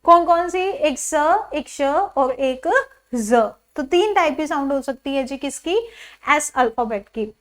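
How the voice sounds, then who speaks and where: A woman teaching English pronunciation to a class. She asks questions and answers them herself, and repeats each example word slowly. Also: high voice. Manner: calls the pupils "children", says "ji" often.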